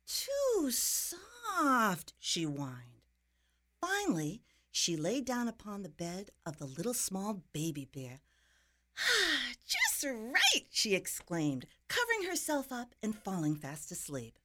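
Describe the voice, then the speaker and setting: A woman reading a children's fairy tale aloud in an expressive bedtime storybook style. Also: lowish voice, measured pace. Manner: expressive, sing-song storytelling.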